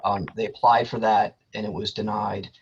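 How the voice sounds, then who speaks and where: Man, low husky voice, phoning in on a muffled landline; measured, formal, with frequent ums. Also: level tone, a little hiss or hum. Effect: over a landline phone. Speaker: lawyer for an applicant. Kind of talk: formal statement at a public board meeting. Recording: muffled lo-fi phone line.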